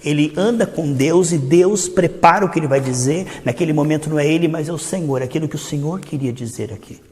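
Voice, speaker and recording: A man with a Brazilian Portuguese accent preaching a sermon, telling stories and acting out the dialogue with lively energy. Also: fairly high pitch, brisk. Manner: animated storytelling, acting out dialogue. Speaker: pastor. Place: church hall. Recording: long hall reverb.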